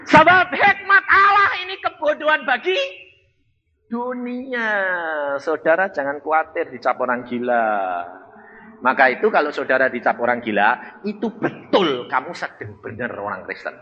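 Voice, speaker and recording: A man's voice: a little high, moderate pace. An older man preaching a sermon, telling stories and acting out the voices of the people in them. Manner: animated storytelling preacher, acting out quoted voices. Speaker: pastor. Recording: dull lo-fi sound in a reverberant hall.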